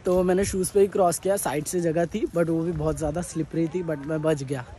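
Holding his phone at arm's length, a young man vlogs his forest trek for a casual travel video, chatting enthusiastically to the camera as he walks. He speaks briskly in a slightly high, steady voice with a dark tone.

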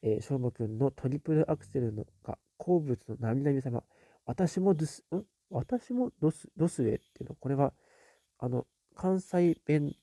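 Hosting a casual live stream, a man reads viewer comments aloud and muses on them with soft little fillers. His voice is medium-pitched, with no echo.

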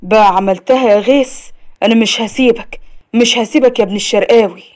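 A taunting Egyptian villain, as a woman narrator puts him on, speaking in a lowered voice. He threatens quickly with a dark, mellow tone. Animated story voice work. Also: close to an everyday voice. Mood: threatening. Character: menacing vengeful male rival, threatening.

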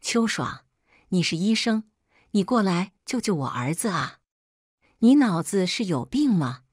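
A woman voicing a bossy, scheming middle-aged mother-in-law who talks in a shrill, domineering way in an audio story. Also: big pitch swings, measured pace, darkish tone, slightly rough, dry recording, studio quality. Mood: demanding. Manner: shrill and domineering, wailing when upset.

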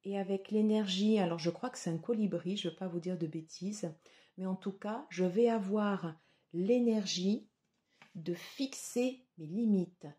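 A woman giving a tarot reading to her viewers, slow and hesitant with many fillers. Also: mid-range voice, warm tone. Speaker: tarot reader.

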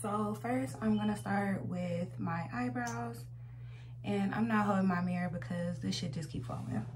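Recorded noisily at home with an audible hum, this clip has an American woman in her twenties chatting informally through a makeup tutorial. She uses plenty of slang and speaks at medium pitch and a moderate pace from a small indoor room.

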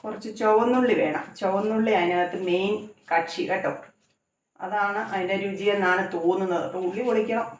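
A woman's voice: mid-range voice, a little fast. A woman cooking at home and chatting to her vlog viewers. She rambles conversationally and keeps tagging her sentences with little check-ins. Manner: rambling, conversational, often adds tag questions. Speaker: cooking vlogger. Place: home kitchen. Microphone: phone camera some distance away. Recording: echoey room, voice from far off.

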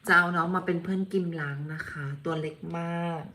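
A woman chatting casually on a livestream, talking softly and affectionately about her pet cat. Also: fairly low pitch, fairly even intonation, brisk. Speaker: livestream host and cat owner. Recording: roomy echo.

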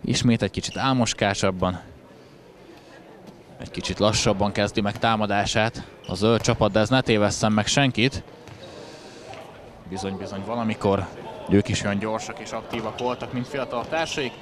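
A man's voice: fairly low pitch, pauses often. A man doing chatty live handball commentary with wry asides. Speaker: sports commentator. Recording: crowd noise in sports hall. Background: crowd in a sports hall.

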